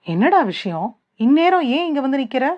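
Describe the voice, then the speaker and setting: A woman's voice: sits high, sing-song, normal speed. A woman voicing a short-tempered elder brother who talks brusquely. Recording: dull lo-fi.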